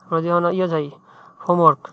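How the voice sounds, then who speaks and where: A man's voice: high voice, flat delivery, fast, smooth, no echo. A man tutoring English in a chatty, informal way, often checking in with "right?". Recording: muffled dry lo-fi mic.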